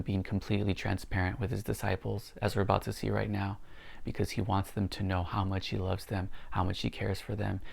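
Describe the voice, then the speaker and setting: A man's voice: fairly low pitch, vocal fry, darkish tone, husky. A man leading a daily Bible reading, retelling scripture in a conversational sermon style. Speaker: pastor.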